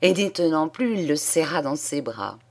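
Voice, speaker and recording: A woman reading a classic short story aloud as an audiobook, with measured, deliberate narration. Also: low-pitched, lively intonation, a little mellow. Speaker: audiobook reader.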